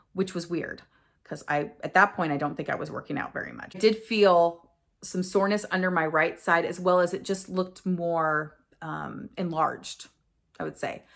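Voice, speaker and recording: A woman's voice: fairly low pitch, a bit bright. A woman in her forties telling a personal story to camera in an earnest, candid way, often correcting herself as she goes. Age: 40s. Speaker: vlogger sharing a personal story.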